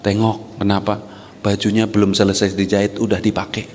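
A man voicing a sly male devil tempter who murmurs in a low, coaxing way. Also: steady tone, moderate pace, natural voice. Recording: long hall reverb.

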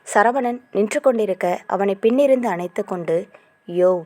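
A woman narrating a romance novel aloud with expressive storytelling. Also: medium pitch, normal speed, dry recording.

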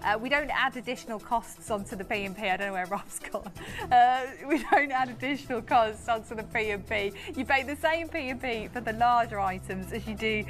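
A woman's voice: on the high side, brisk, fairly bright tone, soft background music. A British woman, around her thirties, presenting as a home shopping host in chatty, informal, rambling and giggly live sales banter. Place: TV studio.

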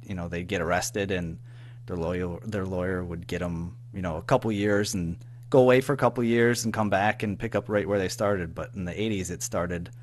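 With a low, steady voice and a brisk pace, this American man, an audio drama writer and producer, answers questions as a guest in a relaxed interview. He comes across informal, hesitant, and rambling, with slight noise in the background.

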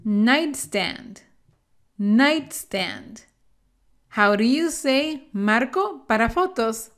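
Slow, careful woman teaching English words. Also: fairly high pitch, expressive, fairly bright tone. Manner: slow, careful word-by-word pronunciation drills. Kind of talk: bilingual vocabulary lesson.

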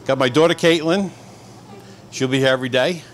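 A man's voice: mid-range voice, a little hiss or hum. A middle-aged man who owns a deli, speaking into a handheld mic in a friendly, upbeat way. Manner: friendly, upbeat, listing things quickly. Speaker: deli owner. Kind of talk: casual on-camera intro. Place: indoors in a deli kitchen.

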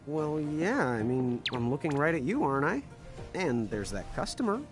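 Give me a laid-back young café guy for a video game. He is sarcastic and easygoing, with a lively voice that rises and falls freely. Game music plays loudly behind him. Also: a little high, normal speed. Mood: wry.

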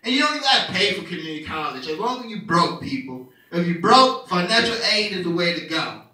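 A young man performing a stand-up comedy set, animated and jumping into characters' voices. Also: fast talker, very echoey, recorded from a distance, low-quality recording. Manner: animated, acts out characters with pitch jumps. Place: comedy club stage. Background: audience laughter.

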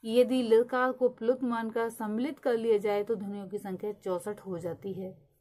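A woman with a slightly high voice gives a lesson. She explains point by point and mixes English terms into her sentences. She slows right down to read definitions aloud. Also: little pitch movement, warm tone, low-quality recording. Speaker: teacher. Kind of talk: explaining lecture.

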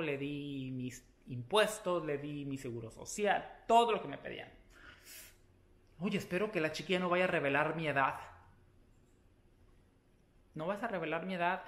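A man vlogger telling a story to the camera in a casual, chatty way, animated and playful, with sudden loud exclamations. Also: on the high side, echoey room. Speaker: beauty vlogger.

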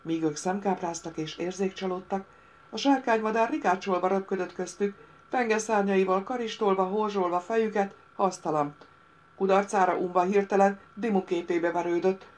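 A woman reading a fantasy audiobook in a steady, measured manner. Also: medium pitch. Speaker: audiobook reader. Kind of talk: audiobook narration.

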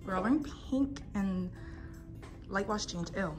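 A woman's voice: medium pitch, animated, a little slow, over music. A young woman with a bubbly sorority-girl manner, chatting casually to her vlog. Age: young adult. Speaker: vlogger, sorority member. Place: indoors, bedrooms, restrooms and meeting rooms. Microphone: handheld phone or camera nearby.

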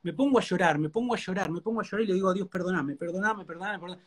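A man's voice: sits high, racing, slightly rough. A man with a Rioplatense Spanish accent shares a personal testimony during a live interview. He talks like a preacher, earnest and heartfelt. He repeats his words over and over for emphasis.

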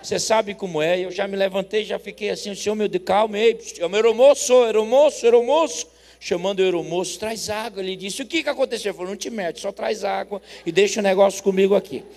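A Brazilian man in his forties preaching as a pastor, telling a story with lively acted dialogue and loud laughter. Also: high-pitched, fast talker, creaky, hardly any pauses. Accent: Brazilian Portuguese. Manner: animated, acts out both sides of a dialogue, laughs loudly. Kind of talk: sermon storytelling. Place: church. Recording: long reverb of a church hall.

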